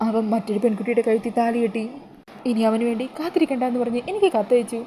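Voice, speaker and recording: A woman's voice: a little high, fast talker, warm tone, slight background noise, natural voice. A woman voicing a heartbroken young woman who pleads through tears. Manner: sobbing, pleading questions.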